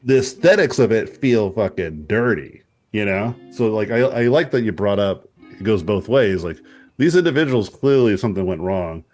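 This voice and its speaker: Low-voiced man musing in a group chat. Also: lively intonation, normal speed, darkish tone, faint music behind. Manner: rambling and reflective, with casual swearing. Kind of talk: casual group discussion.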